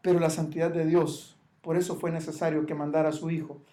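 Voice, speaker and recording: High-voiced man preaching a sermon. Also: flat delivery, brisk. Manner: preaching with rising shouted emphasis on quoted cries. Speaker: pastor.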